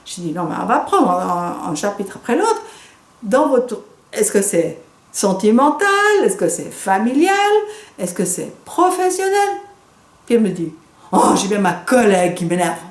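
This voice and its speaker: French woman, physician-trainer, animated storyteller, roomy echo. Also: mid-range voice, unhurried. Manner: lively, animated storytelling with quoted dialogue. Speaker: doctor and trainer. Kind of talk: storytelling lecture. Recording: echoey room.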